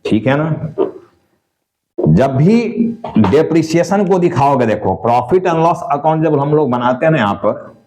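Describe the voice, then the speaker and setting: Mellow-voiced man teaching a lesson. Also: on the high side, expressive, unhurried, faint music behind, rough recording. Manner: explains step by step, asks and answers his own questions; often says "dekho" and "theek hai" to check on students. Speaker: accounts teacher. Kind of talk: explanatory lecture.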